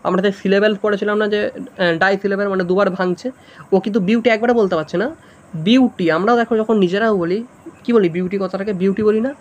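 A man's voice: high voice, steady tone, fast talker, lo-fi sound. A man teaching an exam-prep class, walking students through multiple-choice answers step by step and checking that they follow. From West Bengal.

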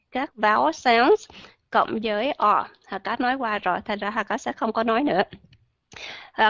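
Woman, pronunciation teacher, online class. Patient explainer, models words slowly. Slightly high voice, dull lo-fi audio. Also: fairly bright tone, no room sound.

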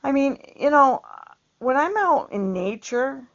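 Middle-aged woman rambling on, slow and unhurried, muffled lo-fi sound. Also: sits high, animated, fairly bright tone. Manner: chatty, meandering, laughs often, repeats words. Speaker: vlogger. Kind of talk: casual rambling monologue. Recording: dull lo-fi recording.

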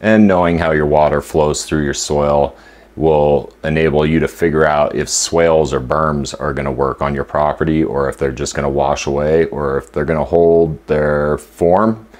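A man in his fifties, co-hosting a homesteading channel, explains a topic to the camera in his kitchen in a steady, instructive way. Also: very deep voice, normal speed. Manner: steady, instructive, listing points. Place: home kitchen indoors.

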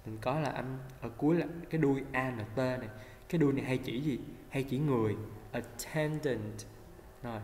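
A man's voice: medium pitch, darkish tone. Male teacher, patient and repetitive drilling, reverberant room. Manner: patient, repeats words slowly to model pronunciation. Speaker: English teacher. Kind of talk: vocabulary lesson. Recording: echoey room with faint hum.

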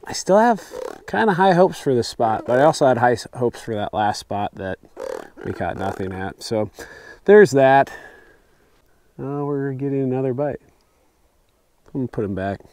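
Laid-back young man fishing at night. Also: mid-range voice. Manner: relaxed, wry self-talk while fishing. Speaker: fishing vlogger. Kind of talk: casual outdoor vlog narration. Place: riverside sandbar at night, outdoors. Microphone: camera-mounted mic, sometimes off-axis.

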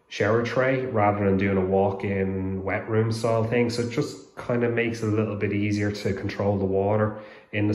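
An Irish man with a low, even-toned voice tours an unfinished house under renovation, filming on a handheld phone. As a home renovation vlogger, he narrates casually in a relaxed, explanatory way with lots of fillers. The bare indoor rooms echo, and there's faint background noise.

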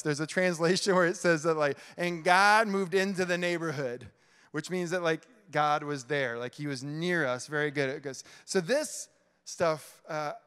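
A middle-aged man giving an energetic, chatty youth sermon full of "like", in a church hall. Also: fairly high pitch, clear, resonant tone. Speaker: youth pastor. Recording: long hall reverb.

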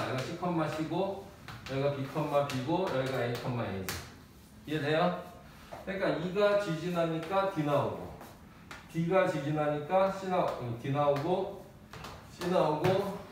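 A man's voice: a little high, expressive, slow. A man teaching math in a casual lecture, telling a personal story in blunt, slangy language and laughing often. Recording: echoey room, distant mic, noisy.

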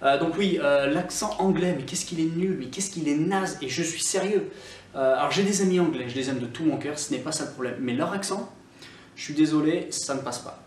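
A man's voice: a little high, a little fast, darkish tone, echoey room, distant mic, slight background noise. A Scottish man who teaches English online, ranting to camera in a teasing, mock-serious way with lots of fillers and restarts. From Scotland. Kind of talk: opinionated vlog to camera.

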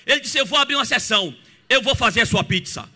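A man with a Pernambuco accent, a gospel singer telling a lively testimony in church that breaks into singing and shouted praise, with music behind him. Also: extremely high pitch, fast, husky. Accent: Pernambuco Brazilian Portuguese.

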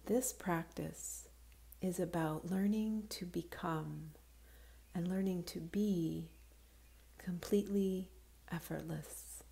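A yoga nidra guide leads a guided meditation, her voice soft, fairly low and mellow. She talks very slowly and soothingly, with breathy edges on her phrases, giving calm and unhurried instructions.

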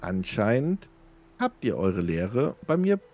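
A man voicing a croaking female goddess of decay disguised as a ragged beggar, in a high put-on woman's voice with a solemn, aloof manner. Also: sing-song, slow, a little mellow, exaggerated voice.

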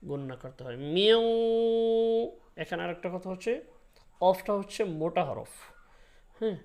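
A man gives a spoken recitation lesson at a patient, unhurried pace. His voice sits a little high, and he pauses often with fillers between points. He slips into long, drawn-out chanted syllables as he demonstrates. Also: expressive. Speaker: Quran recitation teacher.

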